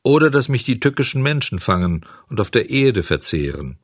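A man doing a hoarse, resigned old dolphin. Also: medium pitch, normal speed, no room sound, studio quality, pitched above the performer's own voice. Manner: calm, philosophical.

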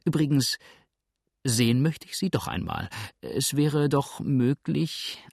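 A man's voice: medium pitch, slow pace, gravelly, a little mellow, slightly rough, no echo, studio quality, voice pushed up, exaggerated voice. A man voicing an older landlady in an audiobook, coy and fussy, raising his voice somewhat for her. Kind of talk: audiobook reading.

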